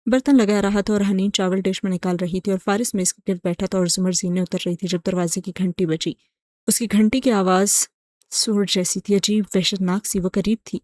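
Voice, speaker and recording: A woman narrating a romantic novel as an audiobook in a steady storytelling voice. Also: mid-range voice, no echo.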